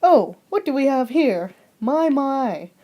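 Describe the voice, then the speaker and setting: A woman's voice: high-pitched, sing-song, slow, warm tone, heavily acted. A young woman voicing a police officer, reading legal wording in a stilted, formal way.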